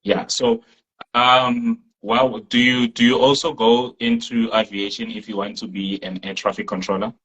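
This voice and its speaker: A man's voice: on the low side, little pitch movement, normal speed, fairly bright tone, slightly rough, lo-fi sound. A man interviewing a guest with curious questions that he often starts over.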